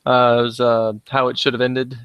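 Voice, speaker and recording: A man's voice: mid-range voice, monotone, moderate pace, a bit bright, clean tone, no echo, highs cut off. A man co-hosting a podcast, chatting in an easygoing, agreeable way. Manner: easygoing, agreeable, short affirmations. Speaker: podcast co-host. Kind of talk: casual chat.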